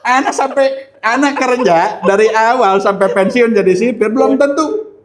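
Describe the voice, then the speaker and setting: Very high-voiced and moving at a moderate pace, a man speaks with a Jakarta Indonesian accent. It's a relaxed, slangy bit of storytelling where he acts out conversations and poses rhetorical questions.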